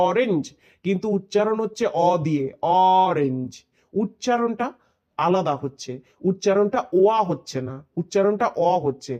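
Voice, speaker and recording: A man's voice: very high voice, a little mellow, lo-fi sound. A man teaching English grammar, repeating sounds and asking checking questions. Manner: repetitive, drills pronunciations and asks checking questions; reads English rules out slowly and deliberately. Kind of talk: explanatory lesson.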